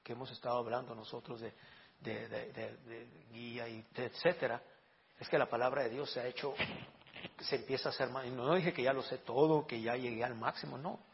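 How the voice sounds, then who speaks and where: A male pastor with a gravelly, creaky voice delivers a casual, conversational sermon. He keeps checking in with rhetorical questions and stumbles over repeated words. The recording sounds dull and lo-fi. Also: medium pitch, fairly even intonation, a little fast, slight background noise.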